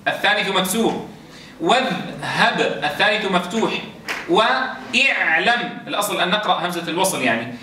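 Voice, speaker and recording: A man teaching a class on Quran recitation rules. He explains step by step, slowly drawing out sounds to demonstrate and often checking with his students. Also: sits high, animated, sharp tone. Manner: keeps checking understanding with quick questions to students. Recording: echoey room, voice from a distance, faint noise.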